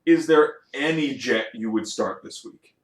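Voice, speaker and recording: A man co-hosting a casual sports podcast, joking and animated with quick asides. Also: mid-range voice, roomy sound, a little hiss or hum. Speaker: podcast co-host.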